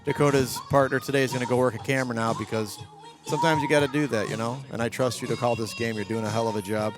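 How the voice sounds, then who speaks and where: A man's voice: medium pitch, steady tone, fast, over music. A man with a nasal voice giving chatty, opinionated color commentary on a game. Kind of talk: sports commentary.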